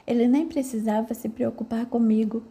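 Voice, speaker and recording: A woman's voice: a little high, steady tone, normal speed, dark tone, natural voice. A woman reading the inner thoughts of a shy, admiring young woman in an audiobook, in a thoughtful, musing way.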